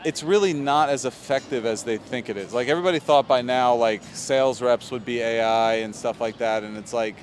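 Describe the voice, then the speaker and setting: An opinionated man in his thirties talks through his views in a casual street interview. His voice sits at a middling pitch. He is animated and throws in quick asides, with faint city traffic behind him. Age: 30s. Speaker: podcast guest.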